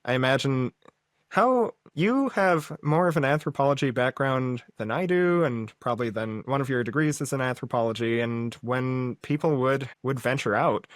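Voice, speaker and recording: A man's voice: medium pitch, moderate pace, no room sound, clean studio sound. A man hosting a podcast, chatting casually and often restarting his sentences. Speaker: podcast host. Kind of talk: casual conversation.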